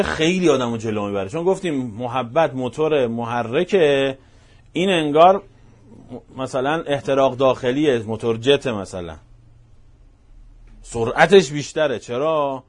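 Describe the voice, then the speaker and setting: A man preaching a religious sermon, telling stories emphatically and swinging between hushed and loud, passionate delivery. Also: medium pitch. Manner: repetitive, emphatic storytelling.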